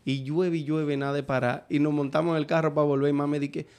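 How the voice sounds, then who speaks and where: Dominican male co-host, slightly high voice, acts out the people in his stories. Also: fast. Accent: Dominican Spanish. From Dominican Republic. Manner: animated storyteller, acts out his parents' lines. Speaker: podcast co-host. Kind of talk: casual chat.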